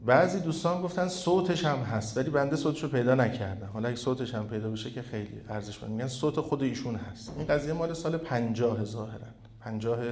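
Guy preaching a sermon on a mic, gets loud and fired up then goes quiet to tell a story, lots of echo, mid pitch. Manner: builds to loud, fervent peaks, then drops to a quiet storytelling tone. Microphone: microphone with echo effect. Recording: echoey hall sound.

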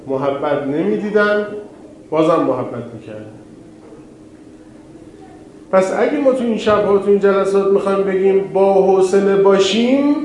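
A man's voice: high voice, a little mellow, slight background noise. Man preaching in a very echoey hall. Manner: conversational, rising emphasis on key phrases. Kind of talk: sermon. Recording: very echoey hall, faint ambience.

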